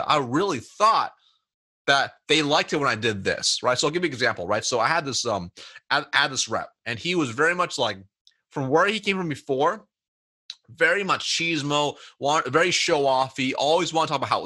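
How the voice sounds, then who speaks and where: A man with a bright, pushed, mid-range voice tells a workplace story as an interview guest, playing both sides of the dialogue in casual storytelling chat.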